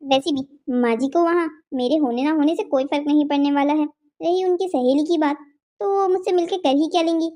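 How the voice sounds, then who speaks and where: A woman's voice: high voice, fairly quick, warm tone, lightly acted. A woman voicing a carefree, stubborn young daughter-in-law who talks back defiantly in a cartoon. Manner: defiant, careless.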